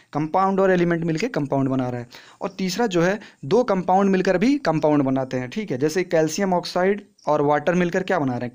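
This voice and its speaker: Young guy teaching science, kinda high voice, keeps asking the class stuff then answering it himself. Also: a little mellow. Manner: chatty, asks and answers own questions. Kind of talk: casual classroom explanation.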